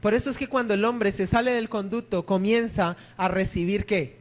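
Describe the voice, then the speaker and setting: High-pitched guy preaching in church, asks the crowd stuff then answers it himself. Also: steady tone, normal speed. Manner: asks the congregation questions and answers them himself. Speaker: pastor. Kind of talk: sermon.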